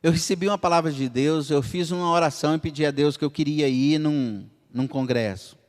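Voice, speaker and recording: A male pastor with a Brazilian Portuguese accent from Minas Gerais delivers a lively sermon, acting out little dialogues between God and his listeners. His voice sits fairly high for a man, jumping to loud, high exclamations and then sinking into low, quiet asides. The long reverb of a church hall trails after every phrase. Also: brisk.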